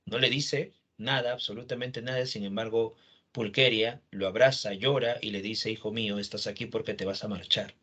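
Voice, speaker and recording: A man's voice: on the low side, bright, forceful tone. A man teaching literature, retelling a novel's plot and quoting the characters' lines, often adding a questioning tag.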